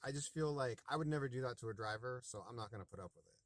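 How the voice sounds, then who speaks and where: A man's voice: mid-range voice, very fast, dry recording. A man working as a rideshare driver, calling support and rambling through his story with lots of fillers. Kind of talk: casual phone call. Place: in his car, also the vlog setting.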